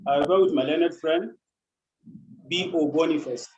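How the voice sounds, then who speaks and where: A man's voice: fairly high pitch, a little slow, darkish tone. A man, a lawyer making a formal, deferential appearance in court over a remote call with a bad connection. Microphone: video call. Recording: muffled lo-fi call audio.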